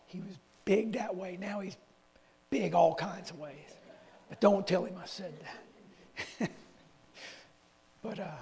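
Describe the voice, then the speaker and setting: Speaking in a high, gravelly voice with a dark tone, a lay preacher rambles through folksy personal stories for a church assembly, often stopping to correct himself. The sermon is conversational, set in a church meeting hall that sounds reverberant, with a faint hum.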